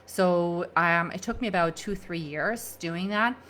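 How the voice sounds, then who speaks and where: A middle-aged woman talks to a live-stream audience into her own microphone. Her voice sits a little low, and her delivery is chatty and upbeat, with plenty of fillers. A faint hum of room noise sits under it. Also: a little slow, fairly bright tone. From Germany. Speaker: holistic nutritionist hosting a live challenge.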